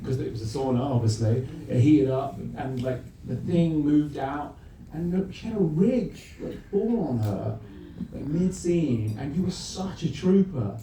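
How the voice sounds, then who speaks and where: A young man with a mellow voice tells loose, joking stories on a panel. He pads his sentences with easy fillers. The sound is roomy and picked up from a distance. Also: on the high side, measured pace, slight background noise. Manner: relaxed, rambling with fillers, joking. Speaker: actor guest. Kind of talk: casual panel conversation. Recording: echoey venue, mic at a distance.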